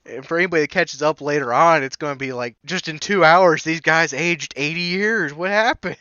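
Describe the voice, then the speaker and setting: Bright-voiced man on a dull, dry mic. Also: a little high, smooth, no room sound. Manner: quick joking interjections. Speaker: podcast co-host. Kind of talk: casual chat.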